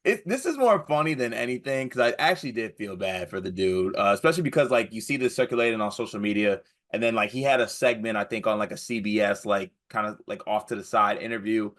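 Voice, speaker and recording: A man with an American accent and a somewhat low voice chats casually about sports as a co-host. His delivery is conversational and wry, circling back to repeat phrases for effect. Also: animated, quick pace, hardly any pauses, a bit bright.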